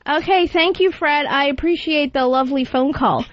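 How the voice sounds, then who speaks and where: A woman with a high voice speaks at normal speed while hosting a talk show in a casual, frank and unembarrassed way, like relaxed radio chat. The lo-fi recording sounds dull, with faint music behind her.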